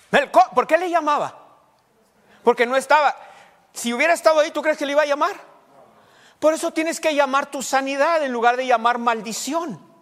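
A man's voice: very high voice, fairly bright tone. A male pastor preaching a folksy, conversational sermon, repeating words and quizzing the congregation. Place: church hall. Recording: long church hall reverb.

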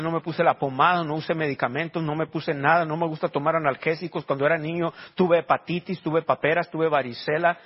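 A man's voice: on the high side, husky. A man, preaching a sermon and questioning his congregation in emphatic rising bursts. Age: 40s. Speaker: pastor. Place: church. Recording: dull lo-fi sermon recording.

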